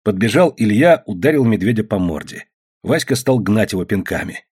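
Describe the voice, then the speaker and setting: Man, audiobook narrator, husky voice, lively pitch. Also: moderate pace. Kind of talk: scripted narration.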